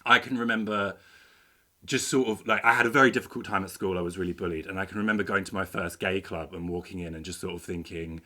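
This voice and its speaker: A man's voice: sits low, fairly even intonation, quick pace, bright, forceful tone. A man, co-hosting a podcast and talking candidly about his past, with frequent hesitations. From East London, England. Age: late 30s. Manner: candid, reflective, hesitant with many fillers. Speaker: podcast co-host. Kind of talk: casual chat.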